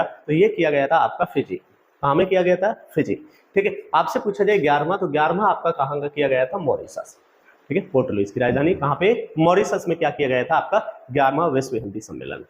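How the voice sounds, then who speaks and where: A man's voice: fairly high pitch, highs cut off, slight background noise. A male exam-prep teacher giving a quiz-style lecture. He asks each question, gives the answer, then asks again so the students repeat it, and keeps calling the audience friends.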